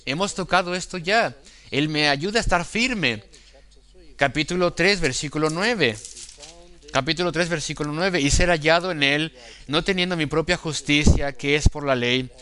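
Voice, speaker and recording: Smooth-voiced male preacher, slow and deliberate. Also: fairly high pitch, sharp tone. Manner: quotes scripture and voices inner temptations. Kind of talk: sermon.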